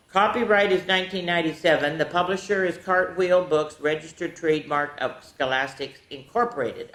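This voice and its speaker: A woman with a lowish voice hosts a children's storytime, reading picture books aloud with playful, theatrical flair. She drags out words and tosses in casual asides, and the recording sounds echoey and roomy.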